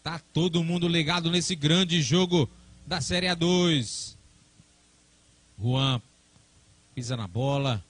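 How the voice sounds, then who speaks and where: A man's voice: a little high, slow pace, pauses often, dry recording. A man calling a football match live in a chatty, colloquial way. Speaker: football play-by-play commentator.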